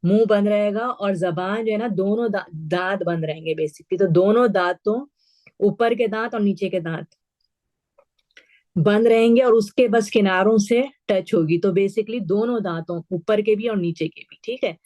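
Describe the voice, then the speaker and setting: Woman tajweed teacher, patient and clear, repeats sounds slowly for her class. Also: medium pitch, a little mellow. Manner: mixes English words into Urdu. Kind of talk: online class instruction.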